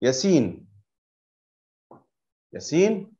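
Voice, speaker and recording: Man, Egyptian Arabic accent, English teacher, online class, patient drilling, slow repeated words, muffled call audio. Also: fairly high pitch, big pitch swings, mellow. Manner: patient, corrective, repeats words slowly for pupils to echo. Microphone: video call.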